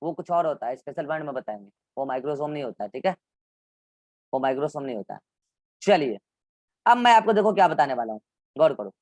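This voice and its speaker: A man's voice: a little high, expressive, quick pace, pauses often, a little mellow, no room sound. A male biology teacher giving an online class in with English science terms, walking students through textbook diagrams and repeating instructions.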